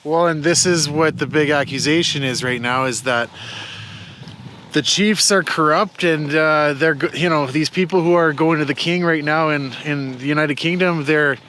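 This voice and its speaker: Interviewer, male, slightly high pitch, casual and tentative, works out thoughts as he talks, faint background noise. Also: normal speed, pushed and bright. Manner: tentative, thinking aloud, frequent "like".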